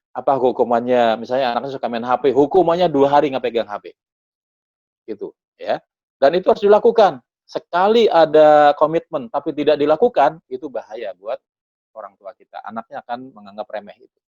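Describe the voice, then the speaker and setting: A man answering parents' questions in an online seminar, in a voice of middling pitch. He tosses out rhetorical questions and answers them himself, and stresses key points with sudden emphatic bursts. The audio is somewhat muffled and lo-fi, with a dry, close sound. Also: darkish tone, no echo.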